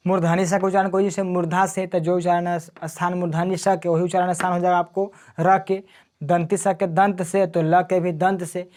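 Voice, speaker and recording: A man's voice: sits high, little pitch movement, normal speed, a little mellow. A man teaching a grammar lesson, repeating sounds and answering his own questions in drills. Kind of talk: classroom grammar lesson with call-and-response drills.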